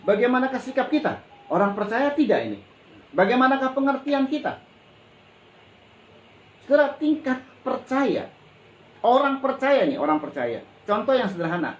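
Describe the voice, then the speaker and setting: A man's voice: high-pitched, dull audio. A man pastor preaching a sermon in a conversational, colloquial way, often calling out to his listeners and breaking in with exclamations. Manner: colloquial, with frequent exclamations and repetition. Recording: echoey hall with faint ambient noise.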